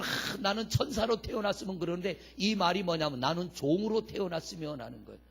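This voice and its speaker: A male pastor with a high, gravelly, slightly rough voice preaches a sermon in a church sanctuary. He poses questions to the congregation, answers them himself, and reads scripture verses aloud.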